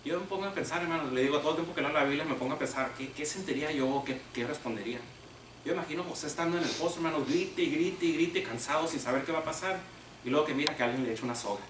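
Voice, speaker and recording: Preacher heard in an echoing church. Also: male voice, a little high, rapid-fire, a bit bright, a little hiss or hum. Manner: addresses the congregation as brothers again and again; voices the story's figures in quoted lines. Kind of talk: sermon retelling a Bible story. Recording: roomy echo, heard from a distance.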